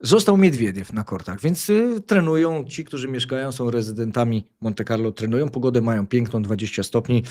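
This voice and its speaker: A male tennis commentator chatting casually about matches. His voice sits at an ordinary middle pitch. He rambles, restarting his sentences and filling pauses with hesitations. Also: lively intonation, darkish tone. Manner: rambling storyteller, many fillers and restarts. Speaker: tennis commentator and show host. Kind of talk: casual sports chat.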